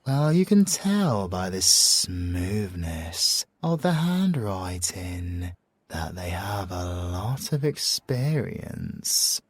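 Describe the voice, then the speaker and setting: Husky, low-pitched and very animated, this British man exaggerates his voice with no room sound behind it. He's voicing a suave, flirtatious, possessive former special forces bomb expert for an ASMR roleplay, teasing and theatrical, drawing words out and whispering asides. His mood is playful and intrigued.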